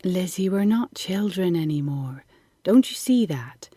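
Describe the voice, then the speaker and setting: A woman voicing an earnest, soft-spoken farm boy. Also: on the low side, lively intonation, a little slow, breathy edge, no echo, clean studio sound.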